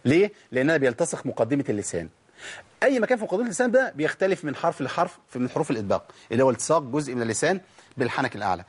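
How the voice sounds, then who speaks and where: A man's voice: mid-range voice, big pitch swings, rapid-fire, breathy edge. A man with an Egyptian accent teaching Quran recitation rules, asking listeners questions and answering them himself while demonstrating letter sounds. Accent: Egyptian Arabic. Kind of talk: recorded tajweed lesson.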